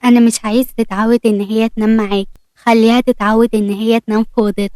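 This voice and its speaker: Brief: affectionate young Egyptian husband, voiced by a woman, fast, dry close sound. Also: a little high, flat delivery, warm tone, no echo, natural voice. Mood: tender. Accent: Egyptian Arabic. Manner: tender, teasing.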